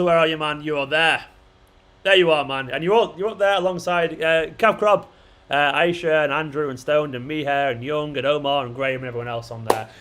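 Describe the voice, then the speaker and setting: A male fan channel host chats casually with viewers during a football watchalong stream, his bright, fairly high voice slightly worn from talking as he starts losing it. He's informal and matey, often calling people "man," "mate" and "pal."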